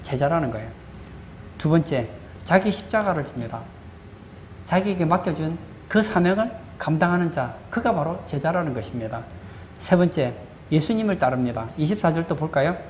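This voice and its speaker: A man's voice: on the high side, animated, normal speed, a little mellow. A male pastor preaching a sermon, posing rhetorical questions and answering them, repeating key phrases for emphasis. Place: church sanctuary. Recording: echoey room with faint background noise.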